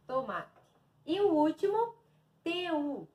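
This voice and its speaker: A woman's voice: high-pitched, expressive, slow. A woman teacher from Brazil giving a reading lesson to young children, stretching and stressing each syllable.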